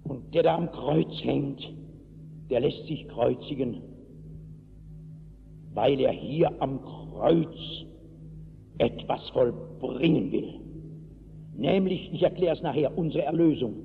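A man's voice: mid-range voice, slow, vocal fry, pauses often. A male pastor preaching a sermon, telling a story with strong emphasis. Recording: echoey hall, tinny lo-fi line.

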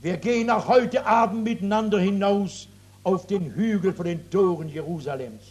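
High-voiced man preaching with dramatic swings. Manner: dramatic, swings from loud exclamations to hushed, slow emphasis; addresses listeners directly, with rhetorical questions. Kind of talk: evangelistic sermon. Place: before a seated audience.

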